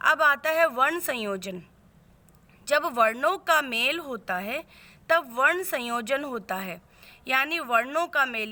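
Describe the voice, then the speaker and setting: A woman teacher giving a lesson, explaining slowly and patiently, step by step. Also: a little high, bright, forceful tone. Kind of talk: classroom lesson on word spelling.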